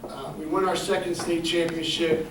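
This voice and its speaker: Middle-aged coach giving a heartfelt banquet speech. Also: male voice, a little high, little pitch movement, moderate pace, noisy background. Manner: heartfelt, storytelling with casual asides. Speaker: high school football coach. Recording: echoey hall, distant mic, loud crowd. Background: audience laughing and cheering.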